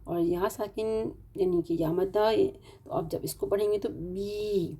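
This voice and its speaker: Soft, husky woman teaching recitation. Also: mid-range voice, steady tone. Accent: Urdu-speaking, Pakistani. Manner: patient, explains step by step, stretches out example words. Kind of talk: online tajweed lesson.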